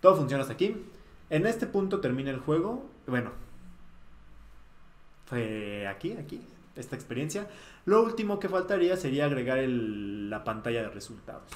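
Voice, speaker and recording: Young guy doing a coding tutorial, thinks out loud as he types, echoey room with a little hiss. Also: mid-range voice, normal speed. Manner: relaxed, thinking aloud while typing code. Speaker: programming tutor. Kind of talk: screen-recorded coding tutorial. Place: small room at a desk, webcam. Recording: roomy echo, faint noise.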